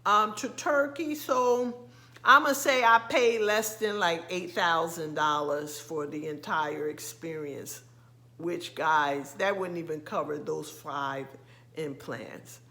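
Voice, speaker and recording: Middle-aged american lady vlogging, slight lisp, kinda slow and halting, bright voice. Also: low-pitched, fairly even intonation. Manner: halting, with frequent ums and restarts. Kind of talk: casual vlog talk to camera.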